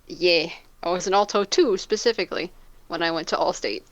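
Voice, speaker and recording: A woman's voice: on the low side, fairly quick, no room sound, muffled recording. Dry-voiced young woman podcast host. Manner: relaxed, dry jokes, giggly. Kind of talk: casual chat.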